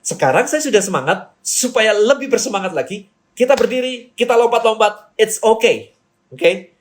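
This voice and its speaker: Pria bersuara tinggi yang bersemangat. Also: male voice, high voice, normal speed. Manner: lively, acts out quoted people, mixes in English phrases. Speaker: business speaker. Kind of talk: seminar-style teaching talk.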